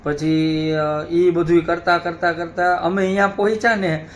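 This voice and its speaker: A man's voice: on the high side, a little slow. A man, hosting a family vlog and casually telling how the day went. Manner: relaxed storytelling, conversational. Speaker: family vlogger. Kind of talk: casual chat.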